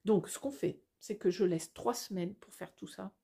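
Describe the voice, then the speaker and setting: A woman's voice: medium pitch, moderate pace, creaky, dark tone, breathy edge. A woman hosting a casual step-by-step knitting tutorial, chatty and thinking aloud as she corrects herself.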